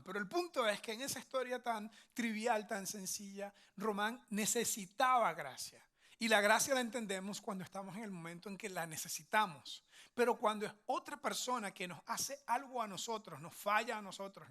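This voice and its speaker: A man's voice: high-pitched, pushed and bright. A man, a pastor, giving a conversational sermon with family stories, often checking in with his listeners. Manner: chatty, checks in with "verdad?" and "ok?"; anecdotal, family storytelling.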